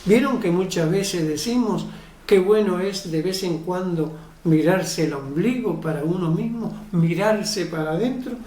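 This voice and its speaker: Woman, preacher, slow emphatic sermon, echoey room, distant mic. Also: on the low side, darkish tone.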